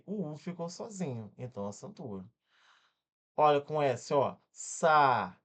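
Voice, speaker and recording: A man with a Brazilian Portuguese accent and a fairly high voice teaches an exam-prep grammar lesson. He's energetic, firing off quick check-in questions and spelling words out syllable by syllable.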